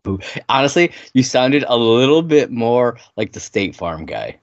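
A man's voice: mid-range voice, big pitch swings, measured pace, dry recording. A man co-hosting a podcast, chatting in an easygoing, rambling way and laughing often. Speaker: podcast co-host. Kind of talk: casual chat recapping a sitcom episode. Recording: dry, dull lo-fi sound.

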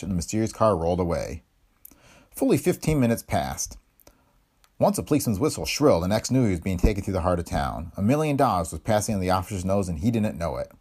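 A male narrator reading an old pulp thriller aloud, vivid and expressive. His voice sits low with a husky grain, and his pitch swings widely as the action builds. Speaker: narrator of pulp fiction podcast. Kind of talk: dramatic audiobook narration.

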